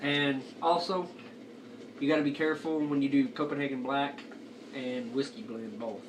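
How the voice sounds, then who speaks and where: A man's voice: medium pitch, steady tone, normal speed. A young man giving a casual review as he chats, talking with a lip full of dip. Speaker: amateur product reviewer. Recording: noisy, distant home video microphone.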